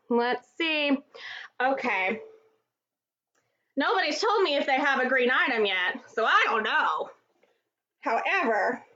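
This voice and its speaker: Woman, from Texas, music therapist, high voice, children's class, encouraging, slightly muffled computer mic. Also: sharp tone. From Texas, USA. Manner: encouraging, speaks directly to kids at home. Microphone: computer microphone.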